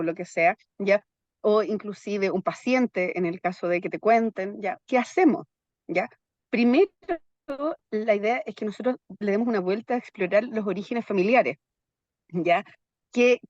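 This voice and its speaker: A woman's voice: mid-range voice, darkish tone, no room sound. Woman psychologist, dry dull sound. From Chile. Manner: keeps checking in with "¿ya?" tags. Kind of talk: explanatory interview talk.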